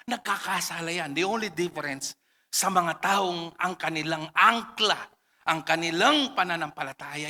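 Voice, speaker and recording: A man's voice: on the high side, pushed and bright. A man preaching an impassioned sermon as a pastor, switching between languages. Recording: reverberant hall.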